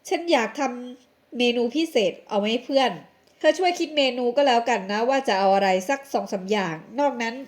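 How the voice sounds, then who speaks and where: Woman doing a bossy rich guy, curt and snappy, kinda high for a dude. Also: lively intonation, fairly quick, natural voice. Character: bossy rich young man, curt and dismissive. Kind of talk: audio drama voicing.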